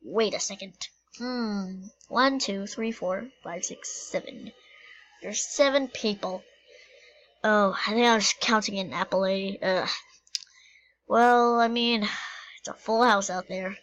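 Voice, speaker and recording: A woman's voice: medium pitch, slow pace, long pauses, a bit bright, highs cut off. A woman voicing a clueless coyote pilot in an amateur animal skit, rambling and stammering through filler words. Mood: flustered.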